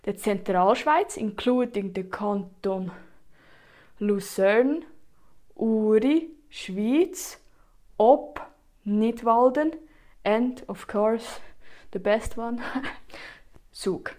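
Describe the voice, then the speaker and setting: A woman from Switzerland with a Swiss German accent hosts a chatty solo podcast in halting, non-native English, often repeating herself. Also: on the high side, a little mellow. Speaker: podcast host.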